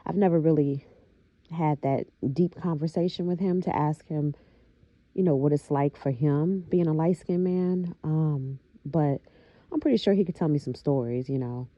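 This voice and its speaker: A woman vlogger talking reflectively to her viewers, with a slow, thoughtful manner and many soft fillers. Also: deep voice, no echo, highs cut off. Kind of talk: casual talking-to-camera monologue.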